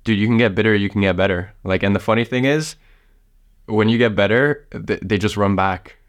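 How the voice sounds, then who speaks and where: His voice on the low side and his pace fairly quick, a southern Russian vlogger in his late teens offers casual, motivational life advice straight to camera. He rambles, uses fillers heavily, and curses often.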